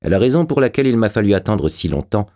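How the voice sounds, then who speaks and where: A man's voice: fairly low pitch, big pitch swings, fast, darkish tone, pitched above the performer's own voice. A man voicing a tall, powerful, richly dressed man who speaks with sardonic impatience.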